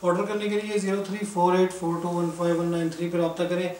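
A man, a clothing seller briskly listing items in a sales walkthrough. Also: high voice, level tone, a little mellow. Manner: brisk, matter-of-fact listing. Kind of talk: product walkthrough sales pitch. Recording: echoey room, distant mic, background noise.

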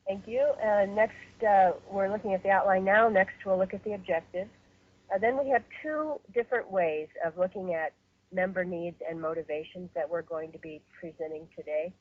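Husky-voiced woman hosting a phone webinar. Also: mid-range voice. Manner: measured, with frequent fillers and restarts. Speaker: webinar host and facilitator. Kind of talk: hosting a webinar conference call. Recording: muffled phone-line webinar audio.

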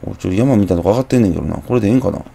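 A man's voice: lowish voice, expressive, racing, gravelly, mellow, husky. A young man with a Kansai accent, chatting through a horror game, muttering to himself with jumpy exclamations. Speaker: gameplay commentator. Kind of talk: horror game let's play commentary.

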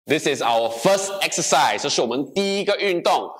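Lively bilingual man leading a workout. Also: a little high, moderate pace, husky. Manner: switches between English and Mandarin line by line, counting reps. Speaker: fitness instructor. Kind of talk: bilingual exercise class instruction. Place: bright indoor gym room with treadmill.

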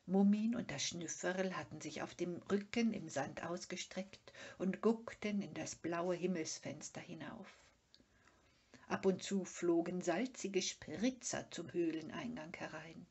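A woman reading a children's book aloud in a soft, unhurried manner, often dropping to a whisper. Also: fairly low pitch, breathy edge. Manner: soft, unhurried storytelling with frequent whispered passages. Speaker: audiobook reader.

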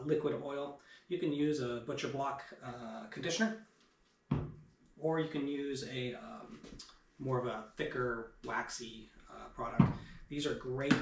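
A man's voice: mid-range voice, slight background noise. Man talking from across an echoey workshop. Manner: relaxed, with many "um" and "uh" fillers. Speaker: woodworking shop owner. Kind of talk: casual how-to demonstration. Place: home woodworking shop, indoors. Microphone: far camera. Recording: echoey shop room, voice from a distance.

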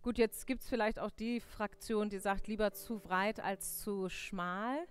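A young woman teaching a live yoga class, giving clear step-by-step cues on breath and posture, with playful corrections to her students. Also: on the high side. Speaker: yoga instructor. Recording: faint music behind.

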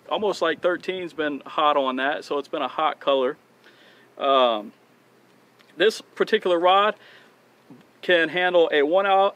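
A man's voice: a little high, fairly bright tone. Chatty man unboxing a fishing rod outdoors. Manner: enthusiastic, chatty, addresses viewers as guys. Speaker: fishing channel host. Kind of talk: casual product unboxing. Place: outdoors on a dock by open water.

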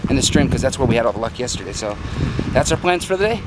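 A man's voice: mid-range voice, expressive, rapid-fire, heavy background noise. A man narrating a casual family vlog, upbeat and encouraging, filming at a cabin and a creek. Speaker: family vlogger.

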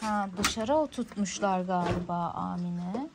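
On a living-room sofa indoors, a woman with a fairly low voice and measured pace unboxes toys with a small child. Her child-directed talk is playful, encouraging, and packed with questions, and there is background noise.

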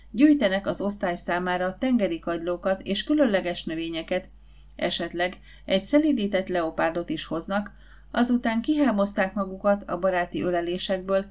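A woman's voice: on the low side, a little mellow. Woman reading a children's audiobook. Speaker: audiobook narrator.

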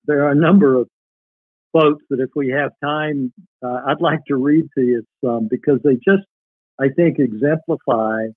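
An older man, a podcast guest, talks with an interviewer and reads aloud his relative's wartime letters. His mid-range voice has a breathy edge, and there's no room sound, though the call audio comes through tinny and phone-like.

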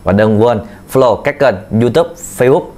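A man's voice: medium pitch, lively intonation, moderate pace, darkish tone. A man teaching a video language lesson, patiently repeating key points to his learners. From Vietnam. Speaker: Chinese teacher.

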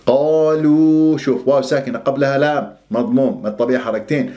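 A man from Iraq teaching Quran recitation rules, stretching words out slowly to demonstrate their pronunciation. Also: mid-range voice, mellow, dull audio. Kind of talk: tajweed lesson with slow demonstrations.

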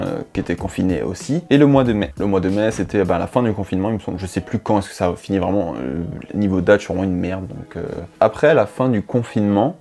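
A young male YouTuber with a lowish, warm voice rambles to camera about his year in an improvised, casual monologue. His talk is slangy and self-mocking, captured on a lapel mic in a dim bedroom studio indoors.

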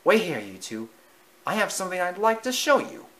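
A storybook reader voicing an earnest, eager little male circus mouse in a high voice. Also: sing-song, moderate pace, a bit bright.

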